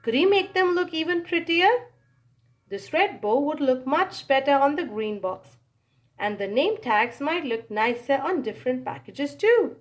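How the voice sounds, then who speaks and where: The narrator is a woman whose high voice ranges broadly in pitch as she reads a children's book aloud, punctuated by dramatic pauses and animated outbursts.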